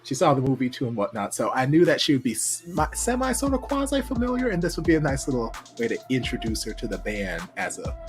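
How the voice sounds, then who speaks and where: A man's voice: mid-range voice, wildly swooping pitch, fast, hardly any pauses, music in the background. A man talking casually as a show guest, in a campy, sassy drag queen way. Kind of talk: casual reaction chat.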